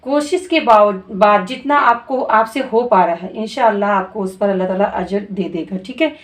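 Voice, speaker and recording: A woman teaching Quran reading to other women, spelling out syllables slowly and checking in with "theek hai" as she goes. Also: mid-range voice. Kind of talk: patient Quran reading lesson.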